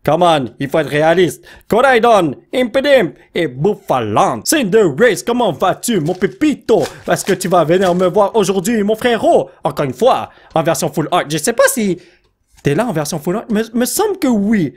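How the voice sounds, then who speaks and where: A young man with a Québécois French accent hosts an excited card-opening vlog, his voice pitched high and swinging widely up and down. He bursts out at good pulls, laughs and mixes English words into his French. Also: normal speed, slightly rough. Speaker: YouTuber opening Pokémon card packs.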